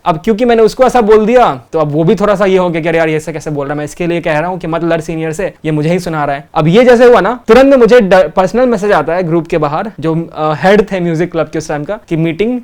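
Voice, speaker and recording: A young man, a YouTuber, telling a personal story in a rapid, animated vlog style. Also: high voice.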